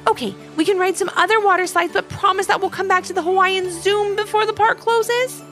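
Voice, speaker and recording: A woman voicing an eager, determined young girl in a children's story, high and excited, pleading hard to get her way. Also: fairly quick, soft background music. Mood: agreeable.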